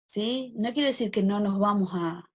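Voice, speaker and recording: A woman's voice: mid-range voice, moderate pace. A pregnant woman in her forties with a Rioplatense Spanish accent, teaching the Bible to a women's church meeting in a conversational way and checking in with her listeners. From Argentina. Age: 40s. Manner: asks the listeners for agreement with a rising sí; acts out prayers and quoted complaints in changed voices.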